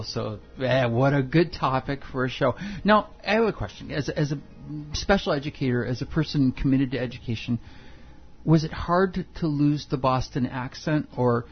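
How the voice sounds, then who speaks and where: A man's voice: medium pitch, dull audio. A man co-hosting a radio talk show, asking rambling, jokey questions in a casual way. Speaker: radio co-host.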